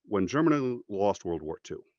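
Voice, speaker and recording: A man with a low voice argues his point with heat and plenty of swearing, now and then slipping into mocking voices. The audio is dry and a little dull, like a home podcast setup. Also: normal speed, no echo. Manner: animated, profane, jumps into mocking voices for quotes. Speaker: podcast guest. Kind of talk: passionate conversational argument.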